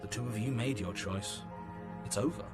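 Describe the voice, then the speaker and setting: A man voicing a grim, dry narrator in a video game, delivered in a measured, dramatic way. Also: lowish voice, lightly acted. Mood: grave. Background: game music.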